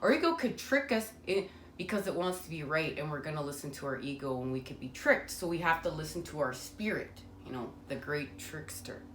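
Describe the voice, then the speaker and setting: A woman's voice: sits low, expressive, fairly quick, a bit bright. A woman giving a spiritual tarot reading, talking earnestly and meandering with many fillers. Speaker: tarot reader. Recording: echoey room with faint ambient noise.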